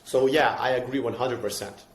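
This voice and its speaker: A man's voice: medium pitch, steady tone, normal speed, roomy sound, a little hiss or hum. A man with a Brazilian accent explaining fitness ideas casually and emphatically, often repeating himself and asking rhetorical questions.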